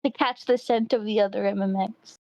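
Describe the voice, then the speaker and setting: A woman's voice: mid-range voice, steady tone, brisk, warm tone, no echo. A woman playing in a tabletop game, talking in a playful way. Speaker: player. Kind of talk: casual tabletop play.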